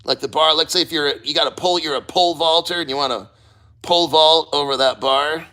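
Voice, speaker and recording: A man's fairly quick, high-leaning voice comes across pushed and bright, with fairly even intonation. He's a crypto channel host livestreaming casually from a cold water plunge, blunt in manner, rambling motivationally and swearing casually.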